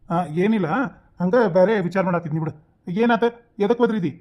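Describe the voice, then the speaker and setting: A worried young husband in a cartoon , as a man acts him out, grumbles stubbornly in a high North Karnataka voice. He speaks plainly and digs in his heels. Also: brisk, dull audio, close to an everyday voice. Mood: grumbling. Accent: North Karnataka Kannada.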